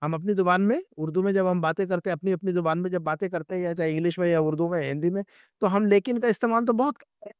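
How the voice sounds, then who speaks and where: A man teaches an Arabic lesson in an online class, his voice high, smooth, and clear. He patiently repeats each point and checks in with his students, recorded close and dry.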